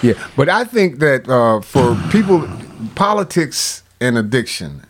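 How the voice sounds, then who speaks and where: A man with a medium-pitched voice talks as a radio talk show guest, with slight background noise behind him. His delivery is halting and rambling, packed with fillers and restarts, and he suddenly turns animated for emphasis.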